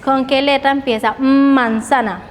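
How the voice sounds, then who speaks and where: A woman leads a teacher training session, slowly modeling letter sounds and asking the group check questions. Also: high-pitched, steady tone. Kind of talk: training workshop lecture. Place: training room. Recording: reverberant hall with faint background noise.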